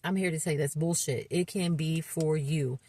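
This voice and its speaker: A woman in her mid-fifties talks frankly about her life in a low, grounded voice. She speaks earnestly and haltingly, often restarting her sentences. The sound is close and dry, with no room around it. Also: fairly even intonation, a little mellow, slightly rough, no echo. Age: 50s. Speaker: recovery vlogger. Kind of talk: candid personal testimony.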